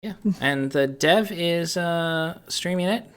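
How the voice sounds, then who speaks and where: A podcast co-host chats casually about video games, explaining things in a hesitant, thoughtful way. The voice is mid-range, slow, fairly bright and clean.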